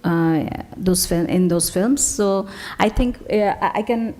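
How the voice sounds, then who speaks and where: Actress on a panel, lots of uh and um, searching for words. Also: female voice, mid-range voice, warm tone. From Bangladesh. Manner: halting, many fillers, searching for words. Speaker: actor. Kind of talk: panel discussion.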